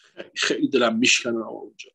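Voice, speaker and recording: A man giving a religious lecture that blends psychology with sermon, swinging between raised emphatic phrases and hushed asides in a lively, emotional address to the audience. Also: medium pitch, vocal fry, breathy edge. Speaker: guest lecturer at a religious mourning night.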